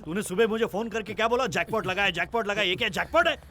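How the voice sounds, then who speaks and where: A menacing gang boss. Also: male voice, high voice, fast, over a noisy crowd. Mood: scornful. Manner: threatening, scornful. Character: menacing male gang boss, cruel and scornful. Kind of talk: film acting. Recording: film score under the voice.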